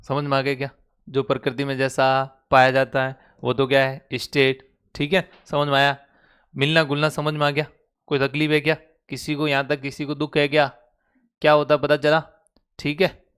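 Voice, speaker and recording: A man's voice: a little high, flat delivery, normal speed, fairly bright tone, smooth. A man teaching chemistry in Hindi with a Rajasthani accent, constantly quizzing his students with call-and-response questions. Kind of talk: classroom lecture. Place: online class recording.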